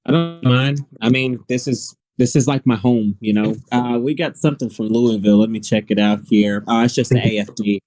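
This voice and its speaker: A man's voice: medium pitch, a little fast, hardly any pauses, darkish tone, no echo. Chatty man, dry sound. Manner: chatty and rambling, laughs often. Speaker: co-host of a live severe weather stream. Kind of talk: casual on-air chat.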